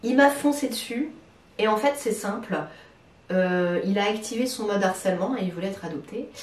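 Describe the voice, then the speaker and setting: At home in her living room, a woman from France, a plant vlogger, chats to camera about her houseplants in a hesitant way, with lots of fillers and restarts. Her voice is medium-pitched and moderately paced, and the sound is roomy, captured from a distance.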